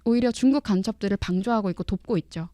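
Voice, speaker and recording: A woman's voice: mid-range voice, fast, dark tone, dry recording. A woman speaking as a political commentator guest on a talk show, emphatic and assertive.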